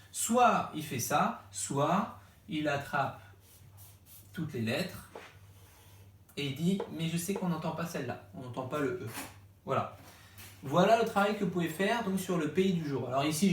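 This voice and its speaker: This man's voice is fairly high, with slight background noise around it and echo from the room. A primary school teacher, he patiently guides parents through a reading lesson step by step and acts out the questions to ask their child.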